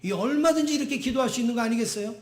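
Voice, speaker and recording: A man's voice: very high-pitched, very fast. A man pastor preaching a Sunday sermon, emphatic and repeating phrases for stress. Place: church sanctuary. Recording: echoey church room.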